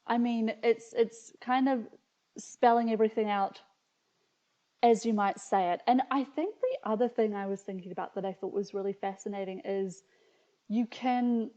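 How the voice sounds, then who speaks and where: Reading her childhood stories on video, a New Zealand-accented woman keeps a steady, moderate pace in a fairly high yet dark-toned voice. She's casual and a little hesitant, reflective and amused, and the sound is slightly muffled.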